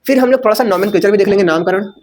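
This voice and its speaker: A man's voice: sits high, racing, a little mellow. A man teaching chemistry in a casual lecture, chatty, asking questions and correcting himself as he writes.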